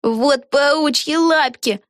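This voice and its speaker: A woman's voice: high-pitched, expressive, normal speed, a bit bright, no room sound, studio quality, pitched above the performer's own voice. A woman reading an audiobook, voicing an eager young witch girl who exclaims a lot. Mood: excited.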